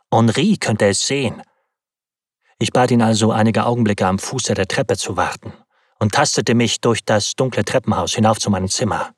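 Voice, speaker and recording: A man narrates a classic novel in first person, his lowish voice carrying a husky, breathy grain. The delivery is measured and dramatic, close-miked and completely dry. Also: no room sound. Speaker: audiobook narrator.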